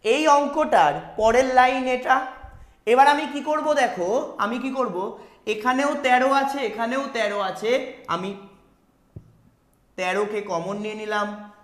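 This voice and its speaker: Here a man's very high, slightly bright voice moves slowly with long pauses, in a roomy-sounding space. With a West Bengal Bengali accent, he runs a live online math class, repeating steps, asking "ঠিক আছে?" and voicing students' chat questions.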